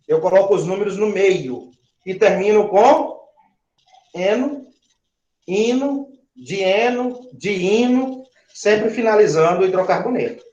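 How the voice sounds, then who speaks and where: Male chemistry teacher, high voice, unhurried delivery; questions the class, drags out each syllable; roomy, dull-sounding classroom recording. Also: a little mellow. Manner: slow, spelling out syllables and counting aloud. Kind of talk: classroom lecture.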